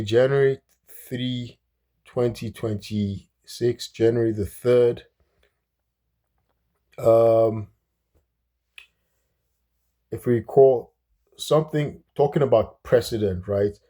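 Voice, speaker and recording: A man's voice: medium pitch, steady tone, slow, pauses often, dark tone. A man from Nigeria giving casual solo commentary on politics, speaking hesitantly with many fillers and restarts.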